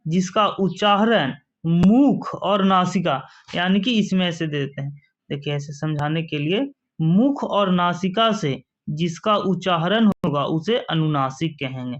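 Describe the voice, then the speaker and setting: A teacher working through grammar rules for exam students, at a slow, deliberate pace. He keeps asking a question and then answering it himself. The sound is dull and lo-fi. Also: medium pitch, animated. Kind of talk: exam-prep lesson explaining rules.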